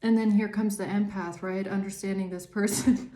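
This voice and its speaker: A woman's voice: medium pitch, flat delivery, moderate pace, dark tone, a little hiss or hum. A woman giving a casual tarot reading to camera, talking earnestly and rambling, often repeating words for emphasis. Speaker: tarot reader and psychic channeller. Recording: roomy echo.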